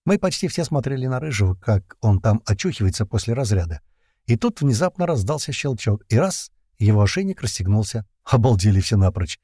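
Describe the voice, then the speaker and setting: A man's voice: fairly low pitch, very animated, brisk, mellow, breathy edge, no room sound, clean studio sound. A man narrating a first-person audiobook in a tense, colloquial storytelling manner full of slang.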